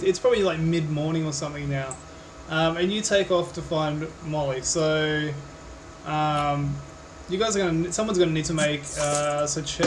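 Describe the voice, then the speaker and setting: Hesitant game master, noisy background. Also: male voice, a little high. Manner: hesitant, many fillers. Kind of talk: narrating a tabletop game.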